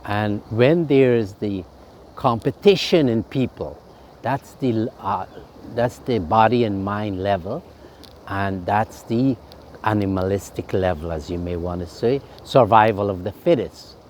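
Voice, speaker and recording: A man, a swami, gives an unhurried, reflective spiritual talk outdoors by a fountain in the morning, pausing with frequent ums. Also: lowish voice, a little mellow, slight background noise.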